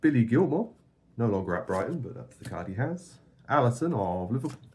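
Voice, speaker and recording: Man, lively varied intonation, playful banter, casual card-by-card commentary, co-host. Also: medium pitch, brisk, slight background noise. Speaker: co-host opening football card packs.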